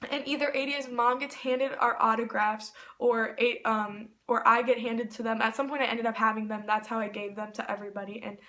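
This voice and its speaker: Bright-voiced excitable young woman rambling. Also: a little high, a little fast, few pauses. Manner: rambling, excitable, heavy use of "like". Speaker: vlogger. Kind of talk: casual storytelling.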